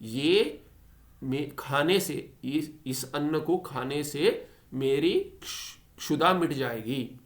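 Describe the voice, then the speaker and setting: A man teaching a Sanskrit philosophy text, animated and full of rhetorical questions, reading the Sanskrit lines slowly. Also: a little high. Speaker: teacher of scripture.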